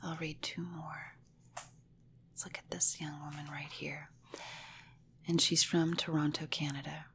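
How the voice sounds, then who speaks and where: A woman hypnotherapist reading aloud in a slow, hushed, soft-spoken ASMR style, half-whispering. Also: sits low, little pitch movement, a little hiss or hum. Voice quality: soft and breathy.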